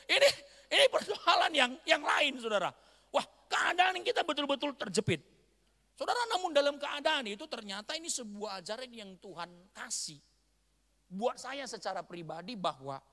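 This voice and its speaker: A man from North Sumatra preaching an animated storytelling sermon to a church congregation. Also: very high voice. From Batak, North Sumatra, Indonesia. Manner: animated storytelling, bursts into shouts and laughter. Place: large church hall. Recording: long church-hall reverb.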